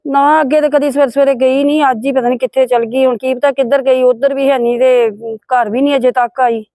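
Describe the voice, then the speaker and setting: A woman's voice: sits high, fairly even intonation, brisk, dark tone, dry recording. An older woman with a Punjabi accent playing a worried mother-in-law, rambling on the phone. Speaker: actor in a family drama. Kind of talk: village family drama acting.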